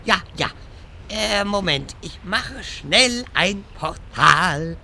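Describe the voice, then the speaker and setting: A man's voice: sits high, animated, very slow, vocal fry, very noisy, exaggerated voice. A man playing a pompous, long-winded wizard in a scripted fantasy comedy. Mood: chatty, self-important. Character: rambling pompous male wizard obsessed with portals.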